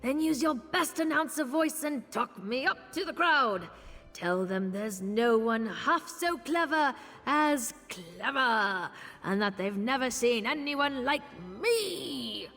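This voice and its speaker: A woman's voice: high-pitched, expressive, fairly bright tone, exaggerated voice. An actress playing a tipsy, flirtatious, boastful female elf circus performer in a video game, with a teasing, playful manner. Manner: teasing, slow, languid, playful. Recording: slight hall reverb with game music.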